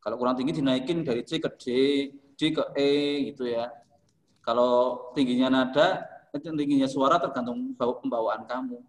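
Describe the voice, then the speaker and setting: A man's voice: mid-range voice, moderate pace. A man teaching a school music class, explaining singing technique in an encouraging, joking way. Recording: echoey classroom.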